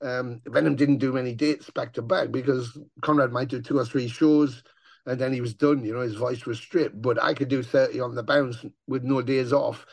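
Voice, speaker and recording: A man with a gravelly growl, chatting casually as an interview guest and swearing as he tells stories. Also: mid-range voice, normal speed, dry recording. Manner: swearing, animated storyteller who acts out voices. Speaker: touring metal musician, guest.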